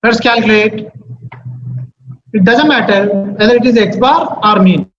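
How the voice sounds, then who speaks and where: A man's voice: sits high, a little slow, a bit bright. A man with a Telugu accent giving an interactive lecture, repeating himself and checking understanding with short questions. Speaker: statistics teacher. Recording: muffled, echoey, noisy room recording.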